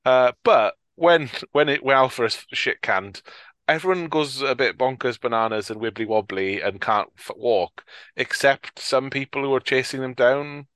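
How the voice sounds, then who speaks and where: A man's voice: mid-range voice, moderate pace, fairly bright tone, smooth, dry recording. A man, co-hosting a casual film discussion, who rambles, swears freely and often leaves sentences unfinished. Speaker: podcast co-host.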